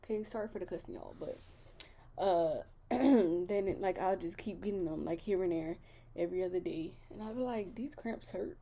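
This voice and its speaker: A young woman chats straight to her viewers in a candid, rambling vlog. Her voice sits a little low and sounds mellow and relaxed, with plenty of "like" and "you know" between her thoughts. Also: normal speed. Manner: chatty, candid, talks straight to viewers with many fillers. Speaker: vlogger. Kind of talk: casual chat.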